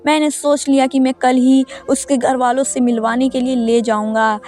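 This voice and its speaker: A woman's voice: sits high, level tone, a little mellow. A woman reading an emotional first-person story aloud as a storyteller, telling it from a husband's side. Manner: reads a first-person tale in a man's voice. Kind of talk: scripted story narration.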